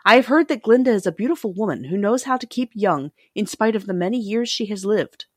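A woman's voice: medium pitch, expressive, brisk, no echo, studio quality, pitched above the performer's own voice, natural voice. A woman voicing a timid, helpful male palace soldier in a storybook, cautious and informative. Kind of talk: storybook character reading.

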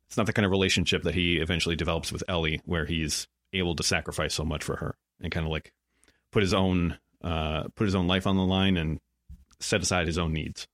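A man with a very low voice reflects out loud on a podcast, pausing and restarting as he works his thoughts through. The recording is dry, with no echo. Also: fairly even intonation. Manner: thoughtful, hesitant phrasing. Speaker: podcast co-host. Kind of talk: casual chat.

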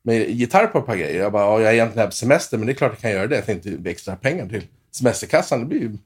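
Husky and fairly low, with lively intonation, the voice belongs to a Swedish guitarist in his fifties. He's being interviewed and tells stories, frequently starting over and filling gaps with fillers.

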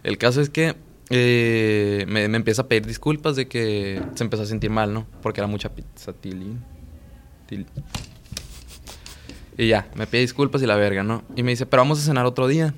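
A man's voice: fairly low pitch, normal speed, slight background noise. A young man with a Mexican Spanish accent, casually telling a long, profane story on a podcast and acting out the lines of the people in it. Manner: slangy, profane, rambling, quotes himself and others. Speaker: podcast co-host.

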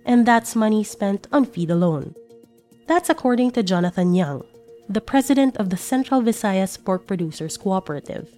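Woman news narrator, mellow tone, measured scripted read, faint music underneath. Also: mid-range voice, lively intonation. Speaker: podcast writer and producer, narrator.

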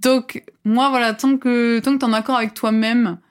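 A woman's voice: on the high side, fairly even intonation, normal speed, smooth. Young woman in her 20s, casual podcast chat, lots of "tu vois" type fillers, laughs a bunch. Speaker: podcast guest.

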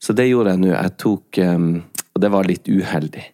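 A man from Norway co-hosting a podcast, telling a long confessional story in a halting, rambling way with lots of restarts. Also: deep voice, dark tone. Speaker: podcast co-host. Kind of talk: casual confessional chat.

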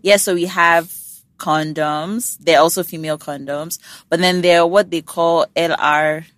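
Woman, podcast host; frank, salty, low-pitched, dry booth sound. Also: steady tone, measured pace, fairly bright tone, no room sound. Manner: frank, blunt and swears freely. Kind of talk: casual podcast chat.

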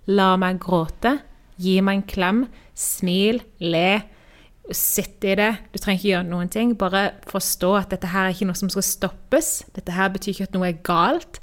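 A woman from Norway co-hosting a podcast, telling personal stories in a candid, animated way. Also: mid-range voice. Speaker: podcast co-host. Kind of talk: casual podcast conversation.

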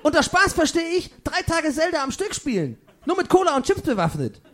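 A man's voice: extremely high pitch, big pitch swings, brisk, a bit bright, full character voice. A man playing a lazy, grumbling young gamer who whines about detective work in a comedy radio play. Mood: whiny. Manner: whiny, grumbling. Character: lazy grumpy young gamer, whiny sidekick.

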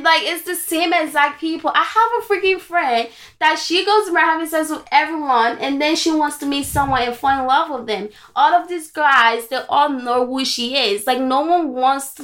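A woman's voice: sits high, a bit bright. A young woman in casual podcast chat, holding forth emphatically on her opinions. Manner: emphatic, talks at length about her opinion. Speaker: podcast co-host.

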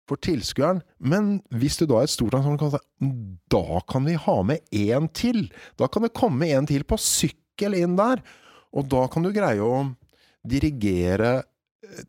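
A man, a theatre director reflecting on his work in an interview, animated and full of hesitations. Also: mid-range voice, no room sound, clean studio sound. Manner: animated, hesitant with many fillers.

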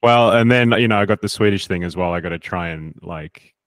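Deep-voiced man, easygoing podcast guest. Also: brisk, no room sound. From South Africa. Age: 30s. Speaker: fitness coach guest. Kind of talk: casual interview.

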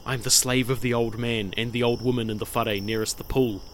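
A man voicing a timid, startled servant answering quietly in a storybook retelling. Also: mid-range voice, fairly even intonation, a little fast, a little hiss or hum, lightly acted, poor audio. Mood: meek.

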